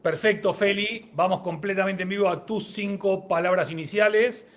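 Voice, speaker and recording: A man's voice: high voice, steady tone, normal speed, fairly bright tone. A man co-hosting a live-streamed podcast, greeting viewers and running a word-association game. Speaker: podcast co-host.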